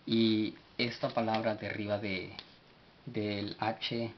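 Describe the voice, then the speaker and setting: A man giving a vocabulary lesson, spelling words out letter by letter and pausing often with fillers. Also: fairly low pitch, flat delivery. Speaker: language teacher. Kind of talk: slow spoken vocabulary lesson. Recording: dull lo-fi recording with faint hiss.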